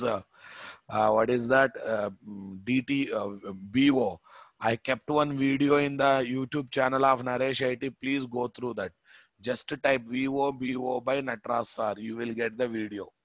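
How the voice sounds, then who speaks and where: Male programming instructor, Telugu Indian accent, medium pitch, repetitive question-driven classroom delivery, dry recording. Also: a bit bright, no echo. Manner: repeats phrases, asks students rhetorical questions. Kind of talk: live coding lesson.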